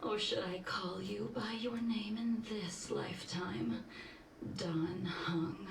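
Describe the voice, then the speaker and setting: A woman's voice: mid-range voice, vocal fry, distant mic, a little hiss or hum. Jing Liu, a cool solemn swordswoman. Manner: calm, measured, solemn. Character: cool aloof swordswoman, adult woman. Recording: game audio played from afar in a roomy space, music behind. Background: game music.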